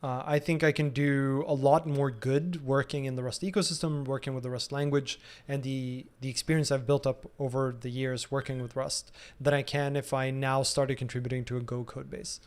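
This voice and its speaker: A man's voice: mid-range voice, flat delivery, normal speed, hardly any pauses. A man in his thirties answering viewer questions casually in a live stream, thinking aloud with frequent ums and restarts. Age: 30s.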